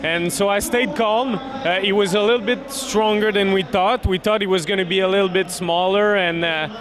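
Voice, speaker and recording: A man's voice: high-pitched, fairly even intonation, normal speed, crowd noise. A man with a Québécois French accent, a native French speaker, talking casually and confidently in English as a fighter in a post-fight interview. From Quebec, Canada. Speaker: MMA fighter being interviewed. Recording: clear urban ambient noise behind.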